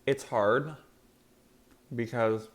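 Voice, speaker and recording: A man's voice: medium pitch, steady tone, drawn-out words. Man chatting casually while chewing. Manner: rambling, loosely strung thoughts. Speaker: mukbang host. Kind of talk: casual eating-show chat to viewers.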